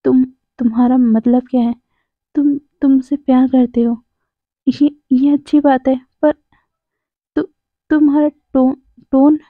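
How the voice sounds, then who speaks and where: A woman's voice: sits high, fairly even intonation, measured pace, pauses often, no room sound. A woman voicing an anxious young man who pleads and apologizes, often stammering, in a storybook reading. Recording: tinny phone-like dry sound.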